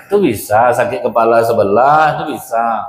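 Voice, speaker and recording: A man's voice: medium pitch, normal speed, a little hiss or hum. A male preacher with a Riau Malay accent giving a folksy storytelling sermon, constantly addressing the men as sir. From Riau, Indonesia. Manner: folksy, addresses listeners as Pak. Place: mosque. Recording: echoey mosque hall.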